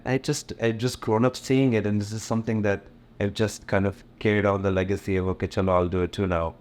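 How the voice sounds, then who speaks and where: In a casual interview, a middle-aged man born in India and raised in the USA, a Gujarati native speaker who works as an event promoter, chats with a fairly low voice at a slightly fast pace. He sounds relaxed, switching easily between English and Hindi, with frequent fillers and light laughs.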